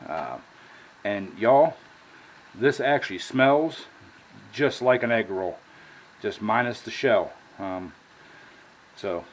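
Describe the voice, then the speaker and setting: An American man hosts a casual home cooking vlog from an indoor home kitchen, talking to viewers plainly and folksily and calling them y'all. His voice is medium-pitched, and the low-quality recording carries clear background noise and kitchen ambience.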